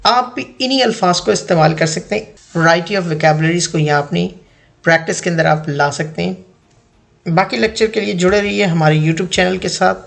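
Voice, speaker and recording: A man in his thirties, an English teacher, giving a slide-based lesson voice-over and saying each example sentence twice in a deliberate way. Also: sits high, vocal fry, a bit bright. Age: 30s.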